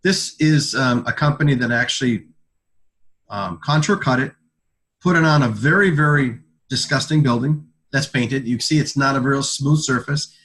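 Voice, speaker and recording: A man with a mid-range, fairly bright voice gives an informal sales talk presenting products on a conference call. He speaks haltingly, often repeating a word or phrase before moving on.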